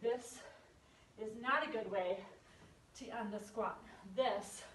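High-voiced woman aerobics instructor, echoey room. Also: slow, slight background noise. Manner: encouraging, short commands and counts while exercising. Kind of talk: aerobics instructor leading a workout, counting reps and cueing form. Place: carpeted room at home. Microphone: distant camera microphone across the room. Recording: roomy echo, far from phone camera.

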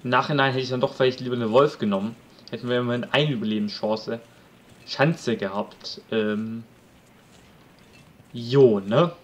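A let's play commentator talks his audience through a survival game, joking casually and yelling at wolves along the way. His medium-pitched voice keeps a moderate pace with long pauses, on a low-quality recording.

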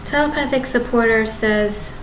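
Her voice a little high, a vlogger in her thirties addresses the camera in a rambling, halting monologue, often starting over and correcting herself. The webcam sits at desk distance in her apartment living room, kitchen behind, and the echoey room carries background noise.

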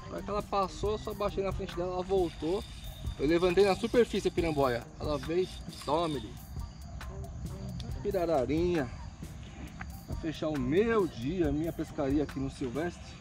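Excited Brazilian fishing vlogger by a lake. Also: male voice, fairly high pitch, moderate pace, over music. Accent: Brazilian Portuguese. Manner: chatty play-by-play, bursts of excitement while fighting fish. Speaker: fishing show host. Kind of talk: casual outdoor fishing vlog. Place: outdoors by a lake.

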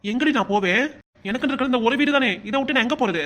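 Hot-tempered cartoon husband, voiced by a performer; southern Tamil Nadu accent, fast and demanding. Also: mid-range voice, fairly bright tone, close to an everyday voice. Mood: furious. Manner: demanding, quarrelsome. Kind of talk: cartoon comedy sketch acting.

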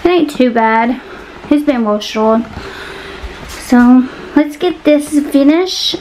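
An American vlogger in her thirties with a Southern accent chats folksily to the camera while cleaning at home in a cluttered hallway. Her voice sits high, a little mellow, at a slow pace, and her speech is colloquial. The camera mic is an arm's length to a few steps away, picking up noticeable room noise.

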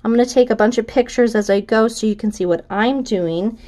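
An American quilting instructor walks through a quilting block step by step in a friendly, chatty, enthusiastic way, pointing out details in a casual teaching tone. Her voice is on the high side, mellow, and a little fast.

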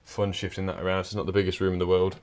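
Rapid-fire and completely flat, a deep, darkish male voice narrates a casual vlog from a house being rewired. The electrician explains his work dryly and chattily as he does it, and at times he's breathless.

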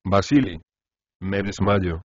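A man's voice: deep voice, slow, pitched below the performer's own voice. A commanding, nagging wife, read by a man. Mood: imperious. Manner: imperious and nagging. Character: fussy, commanding middle-aged wife. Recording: dry, slightly dull audiobook recording.

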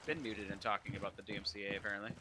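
A man talking over voice chat with a streamer in a fast, offhand way. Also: on the low side, fairly even intonation, bright, forceful tone.

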